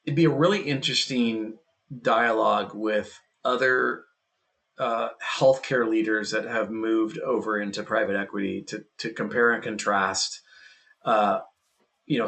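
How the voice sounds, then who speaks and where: A man's voice: on the low side, fairly even intonation, moderate pace, vocal fry, fairly bright tone. A man as a podcast guest talking about healthcare technology, emphatic, repeating key phrases and acting out quoted dialogue. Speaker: guest, healthcare and private equity tech leader. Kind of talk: casual podcast conversation.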